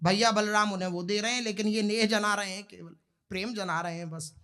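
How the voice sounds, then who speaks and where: A man telling a devotional story, breaking into chanted couplets and then explaining them in an animated way. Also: high-pitched, a little fast, smooth. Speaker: religious storyteller.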